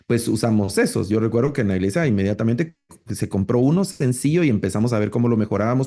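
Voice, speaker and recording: A middle-aged man, giving a relaxed, conversational online lecture on preaching with frequent rhetorical tags. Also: on the low side, gravelly. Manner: relaxed, explanatory, with many fillers and rhetorical tags. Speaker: preaching course instructor.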